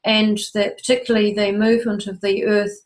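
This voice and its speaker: Older New Zealand woman, interview guest, measured and informative, mid-pitched. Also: little pitch movement. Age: 60s. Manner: measured, informative, with frequent ums. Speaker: guest, UFO researcher. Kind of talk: interview answers.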